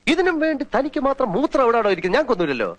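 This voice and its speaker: An actor playing a sharp-witted psychiatrist who teases and questions a young man in a 1990s film drama. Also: very high voice, big pitch swings, rapid-fire, muffled recording, heavily acted. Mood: teasing. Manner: teasing, then grave and hushed.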